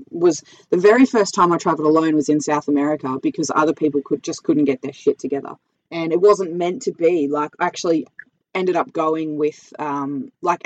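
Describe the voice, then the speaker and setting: A woman's voice: sits low, muffled recording. A woman chatting casually and candidly, telling travel anecdotes in an informal way with lots of "like".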